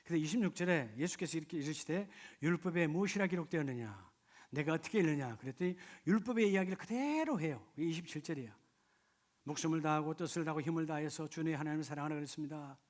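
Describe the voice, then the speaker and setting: A middle-aged male pastor from Gyeongsang, South Korea, preaching a sermon in a church that moves from quiet storytelling to loud, fervent preaching. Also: on the high side, lively intonation, fast talker. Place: church sanctuary.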